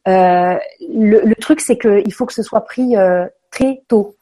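Chatty hesitant French actress. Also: female voice, mid-range voice, unhurried, mellow. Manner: many fillers, hesitant, chatty. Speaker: guest, stage actress. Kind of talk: casual interview chat.

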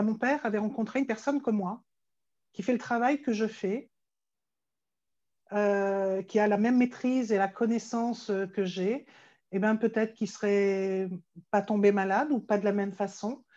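A woman therapist and stress coach, appearing as a guest, talks frankly and animatedly in a conversational interview, often repeating her opening words. Her voice is warm and on the high side, and the recording sounds muffled.

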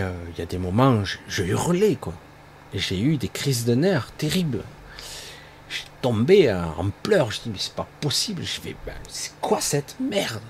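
A man's voice: on the low side, darkish tone, a little hiss or hum. A man giving a loose spoken monologue on spiritual growth, rambling with lots of fillers and tag words. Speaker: spiritual speaker.

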